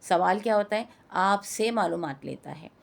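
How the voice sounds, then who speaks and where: A woman with a Pakistani accent, teaching an English textbook lesson. She explains in Urdu with chatty asides and reads the English passages slowly and deliberately. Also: mid-range voice, animated, gravelly. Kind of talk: recorded lecture explaining a textbook.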